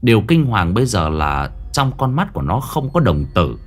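Faint music plays beneath a low-voiced man narrating a ghost story. He lingers over the suspenseful parts with a slow, dramatic pace, and his pitch moves up and down with lively variation.

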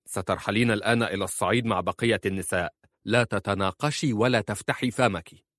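A man's voice: fairly low pitch, expressive, brisk, a bit bright, no echo, clean studio sound. A man voicing a stern, impatient husband who gives curt orders. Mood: commanding. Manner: curt and commanding.

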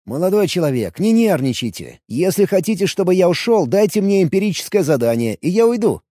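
A man's voice: high voice, very animated, a little fast, warm tone, dry recording, clean studio sound, voice pushed up. A man doing a cheeky, pushy young gamer hero. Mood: insistent. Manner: insistent, cheeky. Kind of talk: audiobook character voice.

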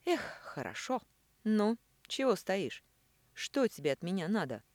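Storybook role: boozy mocking man, loud and quick to snap, read by a woman, lively pitch. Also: no echo. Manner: sneering, loud, quick to anger. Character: brash boozy middle-aged man, mocking, hot-tempered.

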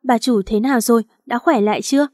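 A woman's voice: fairly high pitch, fast, darkish tone, no echo, studio quality, natural voice. A woman voicing a motherly older female housemaid who fusses with emotional questions, in a storybook reading. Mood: tearful.

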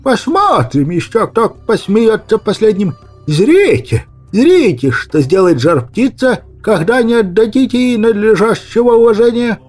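A man voicing a manic old male birdkeeper in an audiobook, shouting frantically and drawing out his words. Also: sits high, big pitch swings, measured pace, faint music behind, pitched above the performer's own voice, full character voice. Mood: frantic. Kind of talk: audiobook character voice.

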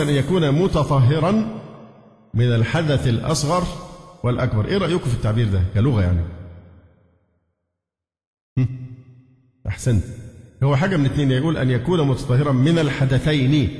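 A man's voice: mid-range voice, darkish tone. A man with an Egyptian accent teaching a lesson on a jurisprudence text. He mixes formal Arabic with colloquial asides, puts questions to his students and chants short phrases to show them. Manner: demonstrates chanted call-to-prayer phrases. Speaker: sheikh teaching a fiqh book. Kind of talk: classroom lesson explaining a text. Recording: echoey hall with long reverb.

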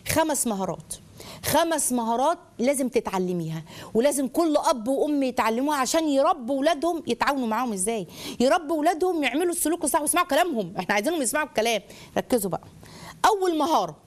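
She is an Egyptian woman giving an animated lecture on parenting. Her voice is high and she talks at a rapid pace. She speaks straight to her listeners and drops into short acted-out examples. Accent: Egyptian Arabic. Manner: animated, addresses listeners directly and acts out examples.

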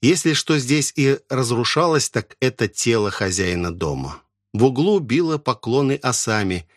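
A man narrating a literary story in the first person, with expressive storytelling. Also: mid-range voice, normal speed, no room sound, studio quality. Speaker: audiobook narrator.

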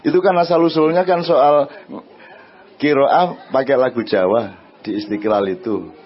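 A man with an East Javanese accent speaking to an audience. He answers their questions in a lively, conversational way and often asks them "right?". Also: medium pitch, measured pace, muffled recording. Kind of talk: religious and social talk before an audience.

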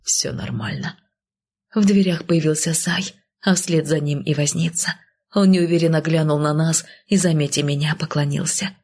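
Lady reading a fantasy audiobook, husky low voice, steady. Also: moderate pace. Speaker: audiobook narrator. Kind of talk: first-person fantasy audiobook narration.

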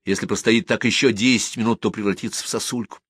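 A man reading an audiobook aloud in a measured, expressive storytelling manner. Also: on the low side, slightly rough, no echo. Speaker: audiobook narrator.

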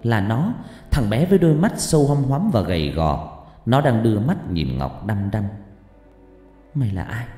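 Guy telling a creepy story, dark mellow voice, lots of reverb, faint music. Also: on the low side, sing-song, normal speed. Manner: dramatic, hushed in tense passages. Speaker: narrator. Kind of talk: horror story narration.

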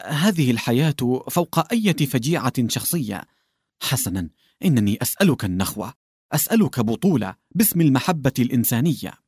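A man's voice: mid-range voice, lively intonation, a little fast, a little mellow, no echo, close to an everyday voice. Guy reading as a desperate husband, begging hard, shaky and urgent, dry sound. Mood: pleading. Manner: imploring, emotional, trembling with urgency. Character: desperate pleading husband, grown man.

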